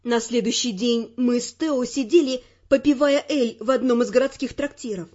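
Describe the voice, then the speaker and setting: A woman narrating a first-person audiobook in a smooth, steady storytelling voice. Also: a little high, normal speed, dull audio, faint music behind.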